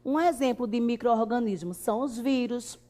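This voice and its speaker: A woman's voice: a little high, normal speed, warm tone. A woman with a Brazilian Portuguese accent teaching young children like a kids show host, cheerful and sing-song, posing questions and answering them.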